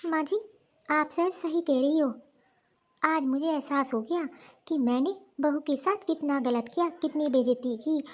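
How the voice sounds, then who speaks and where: A woman's voice: high-pitched, measured pace. A woman voicing a middle-aged mother-in-law in a cartoon story who frets about family honor. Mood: remorseful.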